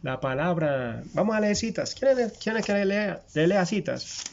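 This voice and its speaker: Male preacher, gravelly and a bit high, folksy sermon full of questions and lists, dull lo-fi sound. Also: lively intonation, normal speed, a little hiss or hum. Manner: folksy, asks listeners rhetorical questions, builds long repeated lists. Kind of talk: conversational sermon. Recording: dull lo-fi recording.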